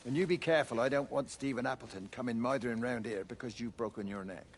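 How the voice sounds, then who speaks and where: A man's voice: medium pitch, quick pace, a little hiss or hum, lightly acted. A man playing a blunt, protective farmer. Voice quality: blunt, gruff.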